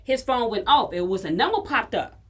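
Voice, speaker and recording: A woman from Chicago, co-hosting a podcast, telling a story in casual chat, animated and profane and acting out the dialogue. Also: a little high, brisk, husky. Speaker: podcast co-host.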